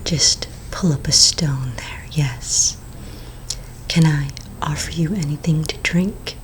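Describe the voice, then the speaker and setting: A woman with a low voice whispers softly as a polite vampire real estate agent in an ASMR roleplay, taking her time and staying attentive. The mood is soothing and helpful, though the recording is rough.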